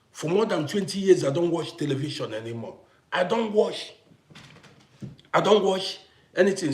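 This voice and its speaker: A middle-aged Congolese man hosts a casual TikTok live stream, his slightly high voice sounding reverberant. He talks emphatically, repeats himself, and greets viewers by name.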